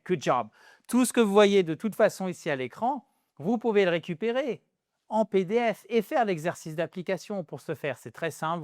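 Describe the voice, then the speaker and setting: A man teaching English to French speakers in a lively video lesson, a native French speaker who addresses viewers as dear friends and repeats English phrases slowly. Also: a little high, no echo, clean studio sound.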